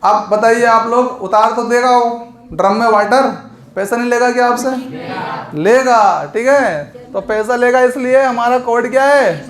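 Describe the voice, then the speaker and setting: A man's voice: very high-pitched, unhurried. A man teaching an exam coaching lesson, explaining memory tricks and asking the class questions that he answers himself. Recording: echoey room.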